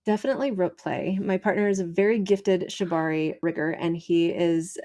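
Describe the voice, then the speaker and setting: A woman in her thirties talks as a guest sexologist, swearing freely and slipping into the voices of people she quotes. Her voice sits a little low for a woman. She tells her stories in a frank, unpolished way. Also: fairly even intonation, normal speed, dark tone. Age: 30s. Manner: blunt and profane, acts out quoted people. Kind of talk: casual storytelling.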